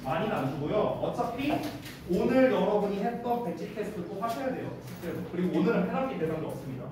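A man's voice: sits high, animated. A man teaching English grammar to a class, talking emphatically and checking often that students follow. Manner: emphatic, keeps checking students with quick questions. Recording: echoey room, mic far off, noisy.

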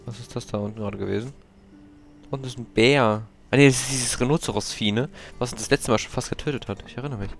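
A young man casually commenting while he plays a video game, chatty and prone to startled, high-pitched outbursts. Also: fast, creaky. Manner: chatty, exclaims and jumps to high-pitched yelps when startled. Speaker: let's play gamer.

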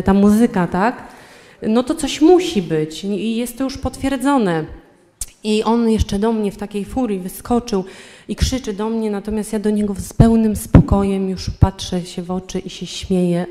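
A woman giving a personal testimony to a parish audience, telling it in a lively way and speaking straight to her listeners. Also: medium pitch, big-room sound. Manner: animated storytelling, addresses listeners directly. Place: parish church or hall.

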